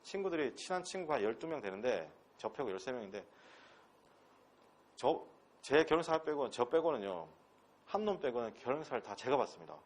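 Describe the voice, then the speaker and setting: A Gyeongsang-dialect speaker from Pohang, South Korea, teaches English at a transfer-exam academy in a husky, slightly breathy voice that moves briskly and sing-song. His pitch swings freely while he throws rhetorical questions at students, staying blunt and casual with some crude slang.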